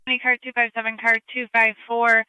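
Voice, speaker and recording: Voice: medium pitch, completely flat delivery, brisk, pushed and bright, clear, resonant tone, dry recording, rough recording. A dispatcher on police radio, speaking in clipped, procedural phrases. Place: scanner stream of radio traffic.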